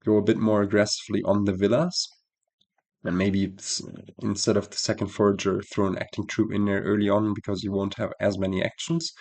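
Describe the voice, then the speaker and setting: A man's voice: fairly low pitch, a little mellow. A man with a nasal voice giving casual, analytical commentary on a card game he just played, often correcting himself as he thinks aloud.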